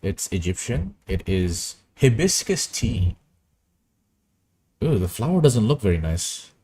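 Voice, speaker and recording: This young man's voice sits fairly low, husky and warm, with a slow, sing-song lilt. Streaming as he works on an animation, he chats casually and rambles through anecdotes, easily amused along the way.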